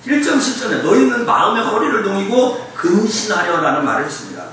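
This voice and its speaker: A male pastor delivers a Sunday evening sermon, telling funny stories from home and calling out lines for the congregation to repeat. His voice sits a little high and swings widely. It is picked up from a distance in a big, reverberant church with faint background noise. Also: a little fast. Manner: lively, humorous storytelling with call-and-response to the congregation. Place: church sanctuary. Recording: echoey church hall, mic from afar, faint noise.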